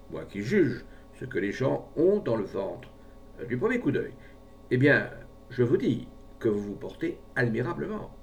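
A man voicing a scheming, smooth-talking male pharmacist in a story reading. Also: medium pitch, distant mic, slight background noise. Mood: scoffing. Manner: persuasive, wheedling, falsely jovial.

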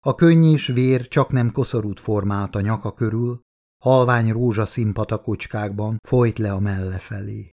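A man narrating a novel as an audiobook in a measured, subdued reading. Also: on the low side, darkish tone. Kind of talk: scripted narration.

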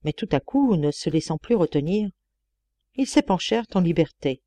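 A woman narrates a literary audiobook with measured, expressive reading. Her voice is mellow and warm, recorded dry and close. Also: on the low side, no echo. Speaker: audiobook reader.

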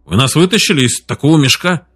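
A man reading the lines of a tank commander in an audiobook, speaking low, quiet and earnest. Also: animated, fast talker, slightly rough, faint music behind. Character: male tank commander, shaken but composed.

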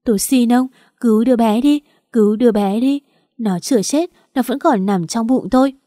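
A woman's voice: fairly high pitch, normal speed, mellow, no room sound, studio quality, natural voice. A woman voicing a young pregnant woman who pleads and cries out in despair. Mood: pleading. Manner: sobbing, desperate pleading.

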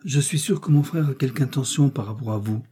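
A man's voice: medium pitch, quick pace, dark tone, slightly rough. A man reading an earnest, pleading young woman. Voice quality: urgent, pleading.

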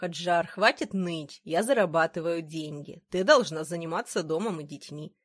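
A woman's voice: lowish voice, normal speed, breathy edge, dry recording, clean studio sound. A woman voicing a cold, scornful husband. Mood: cold, dismissive. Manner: harsh, dismissive, icy. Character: cold, contemptuous adult husband.

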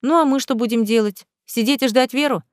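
A woman voicing Alya, a playful, party-loving young woman who talks in a capricious, lively way. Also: a little high, brisk, smooth, dry recording, studio quality, close to an everyday voice.

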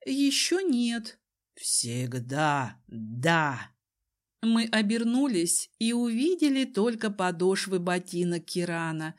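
A woman reading a first-person story aloud as an audiobook narrator, in an even storytelling manner. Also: mid-range voice.

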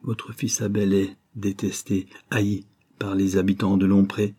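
A man reading a novel aloud, voicing a worried gentleman friend who speaks in careful, measured warnings. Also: low-pitched, level tone, breathy edge.

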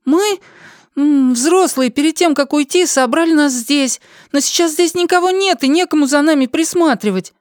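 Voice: high-pitched, normal speed, no room sound, studio quality, voice pushed up, natural voice. A narrator voicing an anxious schoolboy who phones for help with urgent questions. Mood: urgent, worried. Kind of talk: audiobook character voice.

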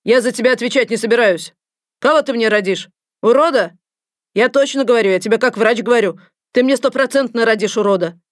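Audiobook: a woman doing a loud, rude middle-aged gynecologist who shouts at patients; dry read. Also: mid-range voice, a little fast, hardly any pauses, no room sound, lightly acted. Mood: scolding, shouting. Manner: shouting, scolding.

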